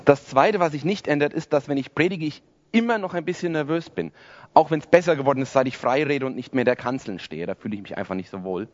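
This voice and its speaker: A man's voice: medium pitch, lively intonation, quick pace, dull audio. A man in his forties preaching a sermon to a congregation, conversational and self-deprecating. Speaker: pastor. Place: church service before a congregation.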